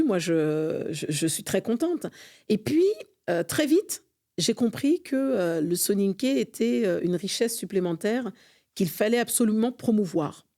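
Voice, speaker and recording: In a warm, mid-range voice, a middle-aged French association vice-president answers interview questions on a podcast, fervent and earnest yet frequently pausing.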